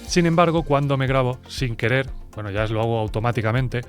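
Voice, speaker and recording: A man from Spain who works as a music producer, explaining sound and recording in a chatty, direct way to his viewers. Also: medium pitch. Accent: Spain Spanish. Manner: brisk, chatty and explanatory, speaking straight to viewers. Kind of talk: explainer video.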